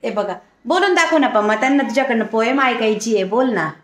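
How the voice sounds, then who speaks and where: A woman chats to her viewers in a casual home vlog. Her voice sits fairly high and turns playful and coaxing when she talks to a toddler. The sound is echoey, as in a bare room. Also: lively intonation, a little fast. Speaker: vlogger.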